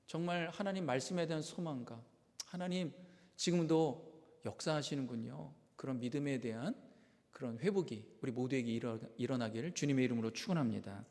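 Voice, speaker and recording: A male pastor delivers an impassioned sermon in a fairly high voice that rises and falls widely. He drops into quiet, reflective asides, then breaks out into loud, fervent cries. His voice rings with the long reverb of a church sanctuary. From South Korea.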